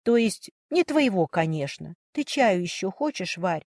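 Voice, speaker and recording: A fretful young woman who keeps pleading and fussing over her sister, as a woman reads her part in a storybook. mid-pitched voice in a dry, close recording with no room sound. the delivery leans eager and emotional throughout. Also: sing-song, a little slow, darkish tone, no room sound.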